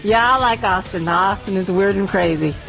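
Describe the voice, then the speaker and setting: A woman's voice: mid-range voice, moderate pace, vocal fry, over music, rough recording. A middle-aged woman from New York interviewing a musician in a friendly, easygoing way. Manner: friendly, laughs easily. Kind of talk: casual interview chat.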